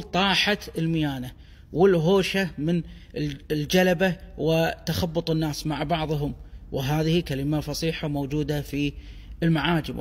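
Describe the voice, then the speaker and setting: A man with a Kuwaiti Gulf Arabic accent giving a deliberate, emphatic explanatory monologue in the manner of a language explainer. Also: a little high, slightly rough. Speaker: explainer of dialect words. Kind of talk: explanatory monologue on word origins. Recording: long reverberant echo.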